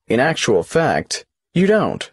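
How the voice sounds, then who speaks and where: A man playing a tax office employee in a scripted exam listening dialogue, explaining things in a lively way. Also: mid-range voice, slow, slightly rough, dry recording, studio quality.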